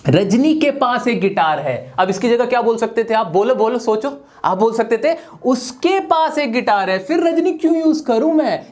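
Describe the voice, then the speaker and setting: A man's voice: high voice, a little mellow. A man teaching grammar to viewers in a playful way, firing rhetorical questions at them.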